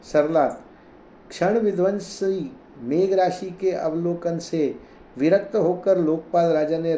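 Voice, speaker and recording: A man reads scripture aloud, chanting the verses slowly before explaining them in plain, conversational Hindi. His voice sits fairly high yet sounds mellow and relaxed. The room is echoey, with a faint hum behind him. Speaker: Jain scripture reader and teacher.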